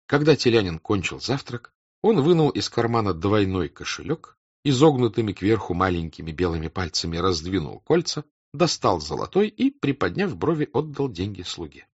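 A man narrates a classic novel with a measured, expressive delivery. His low voice is husky and moves a lot in pitch. The recording sounds dull and dry. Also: no echo. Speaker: audiobook narrator.

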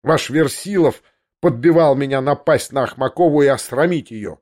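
A man's voice: mid-range voice, normal speed, darkish tone, lightly acted. A man voicing an arrogant aristocratic prince in an audiobook, speaking with cutting contempt and mockery. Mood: contemptuous. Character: arrogant aristocratic prince, scornful, pacing in anger. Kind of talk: audiobook character reading.

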